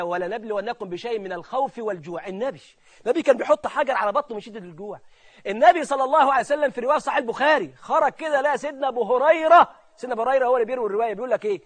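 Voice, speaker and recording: A man with an Egyptian accent preaching a colloquial sermon, swinging between loud emphasis and hushed, near-whispered lines. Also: high voice. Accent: Egyptian Arabic.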